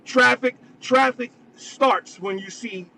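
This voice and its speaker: A man's voice: very high voice, slow, creaky. A man calling in from his car, talking over a phone line, who argues insistently and repeats himself to keep the floor. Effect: phone call from a moving car. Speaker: call-in guest. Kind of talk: heated podcast debate. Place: driving in a car. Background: vehicle noise.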